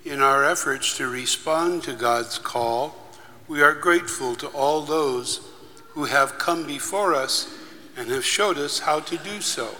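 Guy doing a solemn church blessing, slightly high voice, big cathedral echo, bit of noise. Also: pushed and bright. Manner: measured, deliberate phrasing. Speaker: clergyman leading a blessing. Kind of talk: solemn liturgical prayer. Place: large reverberant church. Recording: long cathedral-like echo, background hiss.

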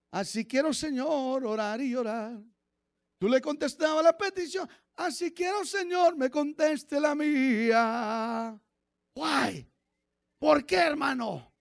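A man preaching a fiery sermon as pastor, dropping to low murmurs and rising to shouted exhortation, often calling out "hermano". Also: slow, creaky, no echo, clean studio sound. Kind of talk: fiery Pentecostal-style sermon.

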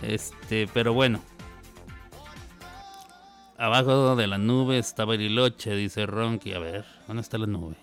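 A man's voice: lowish voice, steady tone, takes it slowly, pauses often, a bit bright, soft background music. A man, a radio host telling a joking story in a casual, chatty monologue with playful sound effects.

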